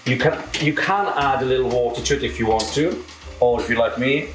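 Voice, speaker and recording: Speaking briskly in a medium-pitched voice, a cheeky, camp British man hosts his own cooking show from a home kitchen indoors. The casual demonstration echoes around the room.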